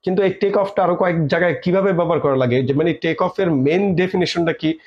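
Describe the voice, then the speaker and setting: A man from Bangladesh, talking casually about teaching English, halting with fillers and English words mixed in. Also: on the high side, breathy edge, lo-fi sound. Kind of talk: casual explanatory talk.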